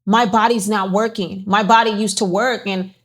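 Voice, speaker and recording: A woman's voice: mid-range voice, steady tone, normal speed. A middle-aged woman co-hosting a candid podcast, speaking frankly and earnestly and laughing easily. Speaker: podcast co-host.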